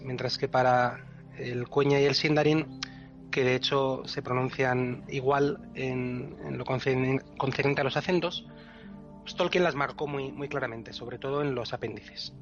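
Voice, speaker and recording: A man's voice: mid-range voice, fairly even intonation, normal speed. A man explaining language rules to a co-host in a patient, teacherly way, with frequent chuckles. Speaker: language section guest. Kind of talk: explanatory podcast chat. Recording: dull lo-fi podcast recording with faint music.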